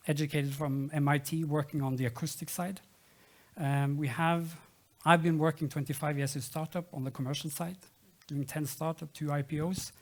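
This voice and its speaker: A startup founder giving a business pitch and answering questions, in a halting way that repeats and restarts phrases. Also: a little mellow.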